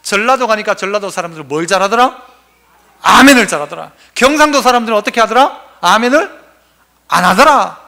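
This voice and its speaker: High, bright-voiced male pastor preaching. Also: animated, brisk, vocal fry. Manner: asks the congregation questions and answers them himself. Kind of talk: sermon.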